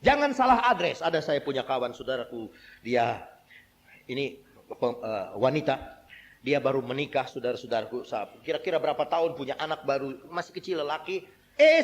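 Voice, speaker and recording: A man preaching a sermon, telling a humorous story with animated delivery and frequently addressing the congregation. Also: mid-range voice.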